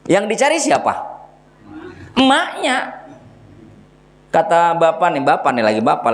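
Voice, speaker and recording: A man giving a lively religious sermon, telling jokes and stories and speaking directly to the congregation. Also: high voice. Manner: animated storytelling, addresses listeners directly. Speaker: Islamic religious teacher.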